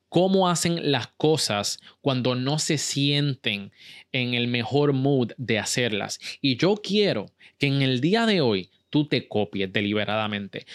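A man hosting a business podcast, talking straight to his listeners in an energetic, motivational way. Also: medium pitch, no room sound, studio quality. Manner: motivational, direct address to listeners. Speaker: podcast host.

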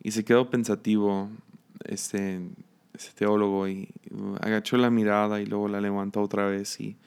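A man with a Mexican accent gives a relaxed, conversational sermon. His voice sits a little low and has a gravelly edge. He talks reflectively, with casual fillers. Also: moderate pace. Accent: Mexican Spanish. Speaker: preacher.

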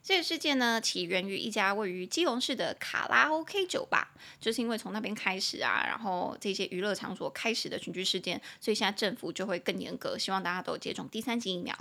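Young woman, lively and bright-toned, casual bilingual teacher. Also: mid-range voice, creaky. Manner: chatty, switches between Mandarin and careful slow English. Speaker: podcast English teacher.

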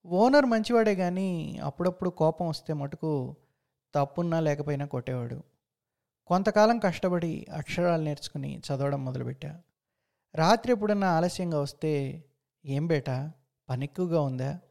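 Gravelly male story narrator. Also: fairly high pitch, normal speed, pauses often. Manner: steady, reflective storytelling. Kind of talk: first-person short story reading.

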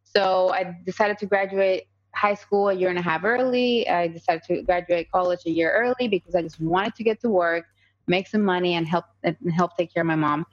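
A Colombian woman in her thirties, a native Spanish speaker with a Colombian accent, talks earnestly as a guest on a casual podcast, using many fillers and restarts. Her voice is lowish and fairly even in intonation, a little fast, and the audio sounds dull.

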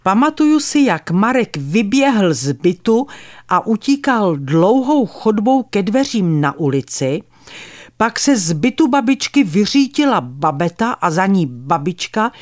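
An older woman reads her own family memoir in a calm, wry storytelling manner. Her voice sits in a middle pitch, recorded close and dry with no room sound. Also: no echo. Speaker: memoir author and narrator. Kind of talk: reading a personal memoir.

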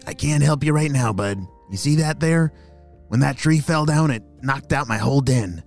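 A man's voice: medium pitch, moderate pace, vocal fry, a little mellow, faint music behind, lightly acted. A man voicing a busy, weary male muskrat in a children's story, talking plainly and matter-of-fact.

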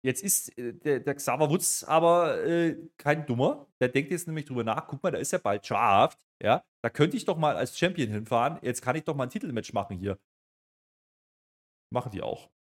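A man with an everyday mid-pitched voice recaps a wrestling show in relaxed, casual podcast chat. He tells it like a story and slips into short acted quotes along the way. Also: normal speed. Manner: chatty recapper, acts out quotes.

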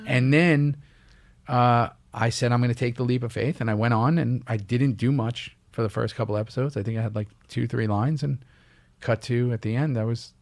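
A man's voice: mid-range voice, normal speed. An actor from the US East Coast, a man, telling anecdotes as a guest in a casual interview, acting out the lines of people in his stories. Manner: lively anecdotes, acts out quoted dialogue.

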